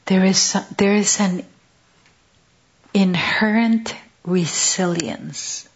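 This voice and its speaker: A woman giving a gentle contemplative teaching on prayer, speaking softly and often half-whispered in short, halting phrases. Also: mid-range voice. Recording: dull lo-fi recording.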